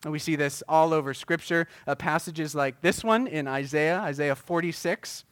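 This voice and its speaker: A man preaching a sermon as pastor, earnest and measured, with frequent filler words. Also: a little high, fairly bright tone, dry recording, studio quality.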